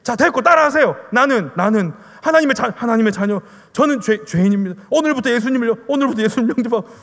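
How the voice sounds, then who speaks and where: A man voicing a tiny, fierce middle-aged woman evangelist who speaks in a Busan dialect and scolds strangers in a blunt, rapid-fire way. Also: high voice, long reverb tail. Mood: scolding.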